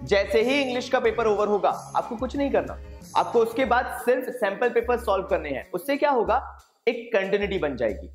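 A man's voice: high-pitched, sing-song, fairly quick. A young man, a commerce teacher, gives casual exam study advice straight to his students, mixing Hindi and English. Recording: roomy echo with faint music.

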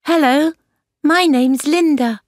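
Woman, high voice, slow careful dialogue for an English textbook, dry sound. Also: no echo. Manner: slow, careful, over-articulated. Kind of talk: scripted classroom dialogue.

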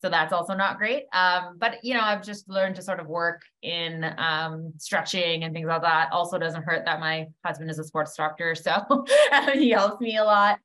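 A woman in her thirties speaks with a Canadian accent in a lowish voice, at a moderate pace with few pauses and a sharp edge. Born in Trinidad and now from Canada, she's a podcast guest chatting informally and sharing personal stories, dropping "like" throughout. She's on a video call from an indoor room.

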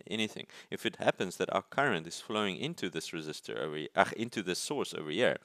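Low-voiced male lecturer explaining circuits. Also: a bit bright, dry recording, clean studio sound. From South Africa. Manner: thinks aloud, restarts words, asks "right?". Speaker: university lecturer. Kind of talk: explaining while drawing circuits. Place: at a desk, filming paper from above.

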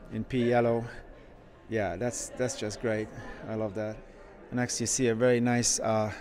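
A man who runs a car shop, walking through a car museum and giving casual, enthusiastic commentary with frequent pauses. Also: mid-range voice, a little mellow. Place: indoor car museum halls.

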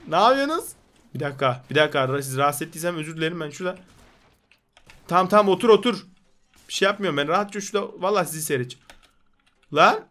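A man's voice: high-pitched, fairly bright tone. A young man giving rowdy, joking gameplay commentary, scolding the game characters in a put-on comic street manner. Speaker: gaming YouTuber.

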